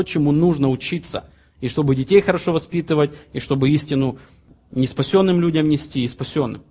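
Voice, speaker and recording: A man's voice: on the high side, a little mellow, breathy edge. A man in his late thirties preaching a sermon, earnestly reading scripture and explaining it with plain everyday examples. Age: 30s. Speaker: pastor.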